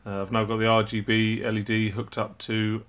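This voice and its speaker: Low, flat-voiced man explaining his project. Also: normal speed. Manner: relaxed and explanatory, with frequent ums and uhs. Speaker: robotics hobbyist channel host. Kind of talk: casual project walkthrough.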